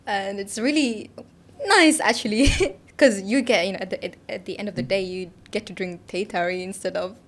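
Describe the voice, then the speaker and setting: A woman's voice: medium pitch, moderate pace, a bit bright. A young woman, a student guest on a podcast, chatting cheerfully with frequent laughs and fillers like "like" and "you know.". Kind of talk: casual interview chat. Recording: faint background noise in a studio.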